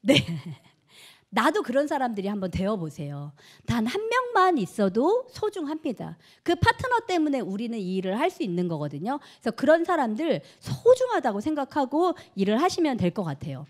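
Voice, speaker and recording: A woman giving a motivational seminar talk to her sales team, often asking the audience rhetorical questions. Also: fairly high pitch. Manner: acts out quoted remarks in changed voices. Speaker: network marketing leader speaking to her team.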